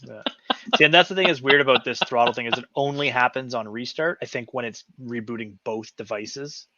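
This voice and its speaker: A man's voice: mid-range voice, a little fast, pushed and bright, no room sound. A man co-hosting a casual live stream, thinking aloud as he troubleshoots a build. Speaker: livestream co-host building a 3D printer. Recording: dull lo-fi stream audio.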